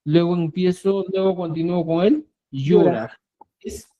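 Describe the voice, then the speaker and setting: A man's voice: high-pitched, a little slow, warm tone, dull audio. A man teaching a Quechua lesson, repeating words and checking in with his students. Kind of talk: online language lesson.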